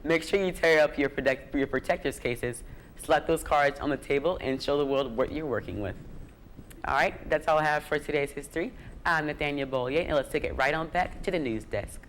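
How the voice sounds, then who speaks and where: A man's voice: on the high side, a little fast, fairly bright tone, a little hiss or hum, rough recording. Upbeat young man hosting a history segment. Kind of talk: student news segment reading.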